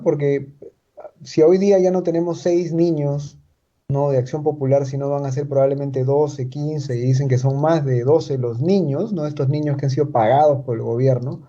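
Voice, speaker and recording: In an interview, a political analyst from Chiclayo, Peru, offers commentary in a Peruvian Spanish accent. His voice is fairly high and mellow, at a moderate pace, with the highs cut off. He speaks emphatically, repeating his points and capping them with rhetorical questions.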